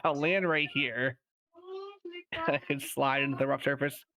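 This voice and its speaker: A man playing in a tabletop game, animated and theatrical, laughing as he talks. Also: mid-range voice, moderate pace, a crowd in the background, rough recording. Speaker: player. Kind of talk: casual tabletop chat.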